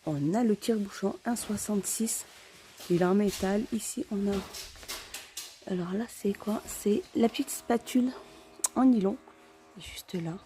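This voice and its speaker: A woman's voice: medium pitch, a little slow, pauses often, mellow, slight background noise. A woman speaking through a face mask, muffled, giving a casual, slightly hesitant item-by-item shopping vlog tour inside a store. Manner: informal, hesitant item-by-item commentary. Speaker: shopping vlogger.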